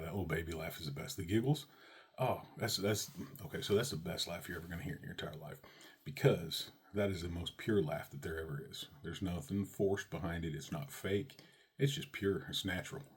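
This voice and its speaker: A man telling a personal story about being a father, animated and leaping high on exclamations. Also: breathy edge.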